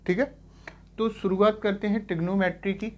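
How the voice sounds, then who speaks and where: A male math teacher lectures classroom-style in Hindi sprinkled with English terms, his voice sitting high, steady, a bit fast and a little mellow. He repeats each key term and keeps tossing in short questions to check understanding.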